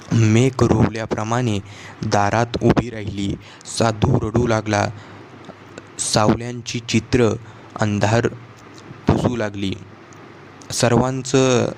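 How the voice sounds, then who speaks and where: A man reading a novel aloud as an audiobook narrator, in a measured way with small restarts. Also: lowish voice, little pitch movement, very noisy.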